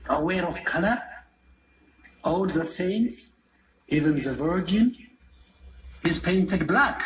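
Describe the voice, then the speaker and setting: Slow, halting man in an echoey room. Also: a little high, a bit bright, slight background noise. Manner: halting, many fillers. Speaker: guide showing an old manuscript. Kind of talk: explaining casually.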